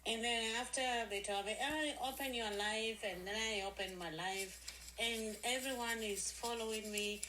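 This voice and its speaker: A woman in her forties with a bright, forceful, fairly high voice talks casually on a phone live stream. She is effusive and says the same things again and again. A faint hiss of noise sits under her voice. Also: moderate pace, rough recording. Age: 40s. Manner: effusive, repeats herself.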